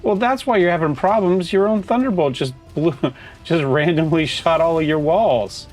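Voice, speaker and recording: A man's voice: a little high, normal speed, a little mellow, faint music behind. A man casually commenting on his own gameplay, chatting to himself as he plays. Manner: chatty, talks to himself while playing. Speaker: gaming streamer.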